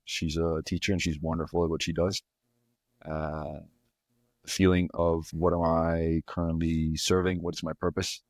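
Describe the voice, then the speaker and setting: Very deep, flat-voiced young man. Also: dry recording, clean studio sound. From Colombia and Mexico. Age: 20s. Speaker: podcast guest. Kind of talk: casual conversation.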